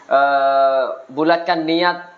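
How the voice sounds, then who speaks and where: A man's voice: fairly high pitch, fairly even intonation, very slow. A man chatting casually as an interview guest, giving moral advice with self-deprecating humour and an earnest streak. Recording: dull lo-fi audio with background noise.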